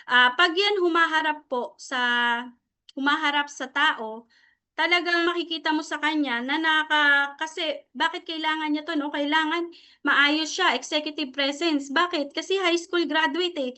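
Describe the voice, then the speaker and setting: This seminar lecture to a sales team comes from a middle-aged Filipino woman whose high, bright voice is forceful and steady at a moderate pace. Teaching presentation skills in Taglish, she mixes the two languages freely and checks in with listeners after almost each phrase.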